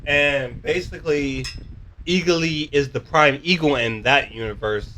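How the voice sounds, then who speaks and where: Rambling young man, bright voice. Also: a little high, unhurried, a little hiss or hum. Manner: rambling, full of "basically", searches for words. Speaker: co-host of a show review. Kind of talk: casual recap chat.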